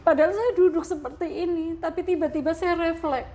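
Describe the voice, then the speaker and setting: A middle-aged woman from Central Java telling her personal story in an interview, speaking with deep emotion that at times turns tearful. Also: steady tone, a little fast, warm tone. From Central Java, Indonesia. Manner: emotional, heartfelt storytelling that rises into tearful prayer. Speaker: interview guest.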